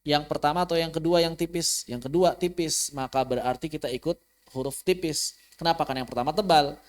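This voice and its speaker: A man teaching Quran recitation rules in an online class, explaining plainly and chanting example words slowly. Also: fairly high pitch. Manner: addresses students directly, invites questions. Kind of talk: online tajwid lesson. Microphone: online class recording.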